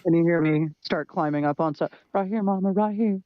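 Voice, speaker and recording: A player voicing a flustered young child who stammers apologies and shouts back to their mother. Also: mid-range voice, brisk, lightly acted. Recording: slightly muffled with faint hiss.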